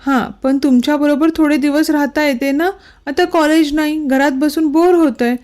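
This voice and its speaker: A woman reading a storybook, voicing a young emotional wife who turns from angry to pleading, in a fairly high voice. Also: fairly even intonation, a little mellow, close to an everyday voice. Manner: pleading, quick to anger.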